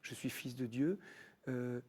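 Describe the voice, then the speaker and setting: A man telling his personal faith story as a TV guest, in an animated storytelling manner with many restarts. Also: medium pitch, slow, husky. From France. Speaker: guest musician. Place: TV studio.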